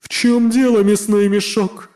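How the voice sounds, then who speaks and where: A man's voice: sits high, unhurried, voice pushed up. Grating metallic golem woman, voiced by a man. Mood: cold. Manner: cold, curt, deadpan. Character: cold, blunt female mithril golem with a grating metallic voice. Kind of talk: audiobook narration.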